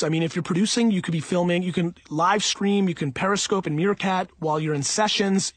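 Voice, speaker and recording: With no echo on the recording, a high-pitched man of around forty speaks off the cuff as an audiobook author responding to listeners' questions. His advice comes out blunt, emphatic and informal.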